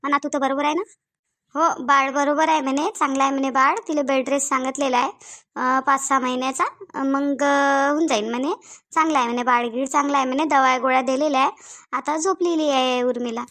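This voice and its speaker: A woman voicing a shrill, angry middle-aged mother in a cartoon, with a Varhadi Marathi accent, taunting and scolding. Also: fairly even intonation, brisk. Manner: taunting, shouting, mocking quotes.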